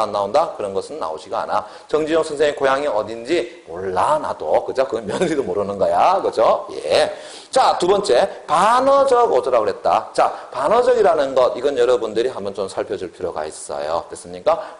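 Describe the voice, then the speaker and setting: A man giving an exam-prep lecture. He keeps firing questions at his students and sometimes acts out quotes. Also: mid-range voice. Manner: lively, questioning, drills students with repeated prompts; breaks into acted quotes.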